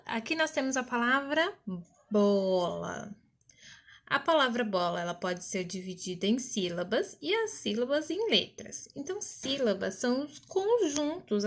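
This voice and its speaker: A young Brazilian woman teaching a recorded class to children, speaking slowly and patiently and sounding words out syllable by syllable. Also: fairly high pitch. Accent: Brazilian Portuguese. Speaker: primary school teacher.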